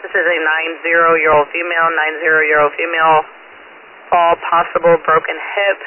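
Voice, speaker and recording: A man's voice: a little high, monotone, moderate pace. A man working as an emergency dispatcher, calling out numbers in a clipped way over a two-way radio. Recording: tinny noisy radio transmission.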